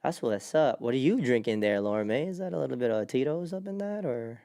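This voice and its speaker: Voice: mid-range voice, animated, brisk, mellow. A host of a casual livestream podcast, playful and hyped, laughing often and joking with the crew.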